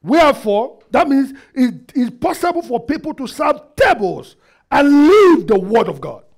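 A middle-aged man, preaching a sermon into a headset mic in a church hall, asking the congregation questions and swinging between loud and quiet. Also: very high-pitched, sing-song, a little slow, gravelly. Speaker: pastor. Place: church hall with projector screen, indoors.

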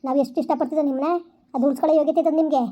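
A woman's voice: sits high, steady tone, muffled recording, lightly acted. A woman playing an indignant young elder sister who scolds her stepmother in a village family skit. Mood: scolding. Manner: scolding, indignant, rapid-fire.

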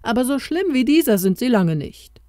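A small crowned mouse who was once an old king speaks in a raised, lively voice, as a woman reader puts him on. He comforts and urges gently, slowly and warmly, in this storybook tale. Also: a little high, no echo, clean studio sound, voice pushed up. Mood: earnest, urging. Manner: comforting, urging.

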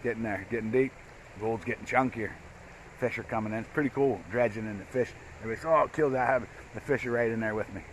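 A man's voice: medium pitch, fast, slight background noise, rough recording. A man, chatting loosely in an outdoor vlog by a river, speaking into an action camera. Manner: rambling, folksy, repeats himself. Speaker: gold prospecting vlogger. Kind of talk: casual outdoor vlog narration.

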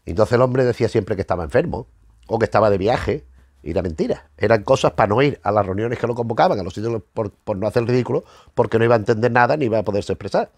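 A man in his fifties who hosts a retro comics channel explains things informally to camera in a small room lined with bookshelves, rambling conversationally and often circling back to rephrase. He has a Spain Spanish accent and a lowish, slightly mellow voice, talks fast, and there's no echo.

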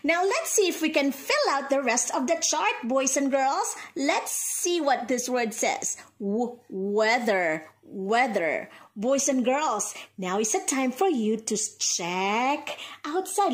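Lady doing kids show host teacher talk, really high voice, slow and sing-songy, encouraging. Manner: encouraging, sing-song, exaggerated teacher delivery with pauses for answers. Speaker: early-childhood teacher hosting a calendar lesson. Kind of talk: kids show host, teaching children directly with call-and-response questions.

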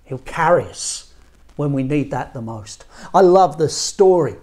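Man, middle-aged, pastor, unhurried, lively pitch, emphatic sermon, lapel mic. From England. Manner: earnest, emphatic, gestures with both hands. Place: small church room indoors.

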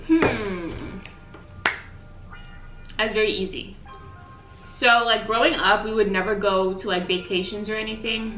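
A chatty young American YouTuber sits on her living room floor by the sofa for a casual mukbang, eating between sentences and often saying "like," recorded by a tripod camera at a distance in an echoey room. Her voice is mid-range and a bit bright.

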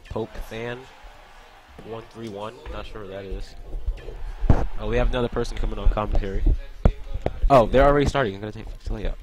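Over loud game music, a young man calls a video game tournament stream in a low-leaning, fairly even voice, talking fairly quickly with frequent pauses. The recording is rough, and he stays casual, laughing a lot and fielding chat between plays.

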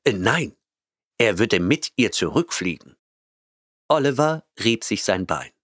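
Deep-voiced male audiobook narrator. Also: no echo, studio quality. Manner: measured, even storytelling. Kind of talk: scripted narration.

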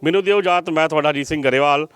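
Male field reporter, rapid, pleading, high-ish and clear. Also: fairly bright tone, no echo. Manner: earnest, pleading appeals to viewers.

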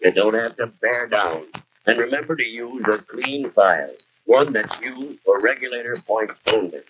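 An American actor playing a seasoned, avuncular mechanic giving folksy practical tips in a scripted 1940s training film. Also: male voice, mid-range voice, moderate pace, a bit bright, close to an everyday voice. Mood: advising. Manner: folksy, advising. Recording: noisy 1940s film soundtrack.

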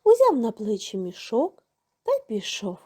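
A woman reading a folk tale aloud in a slow, expressive, singsong manner. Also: on the high side, breathy edge. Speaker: storyteller.

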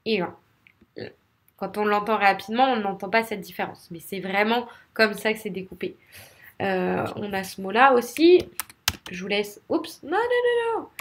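A woman's voice: mid-range voice, a bit bright. A woman with a French accent teaching English pronunciation, speaking straight to her viewers and repeating each sound patiently. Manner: speaks directly to viewers, encouraging.

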